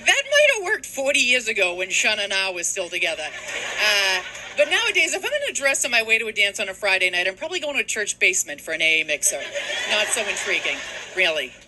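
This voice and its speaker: Woman comic on stage, really bright sharp tone, deadpan stories, a little room hiss. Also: fast talker, poor audio. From Boston. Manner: deadpan storytelling, mimics her mother in a lower voice. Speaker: stand-up comic. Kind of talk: stand-up comedy set. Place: comedy stage before a live audience.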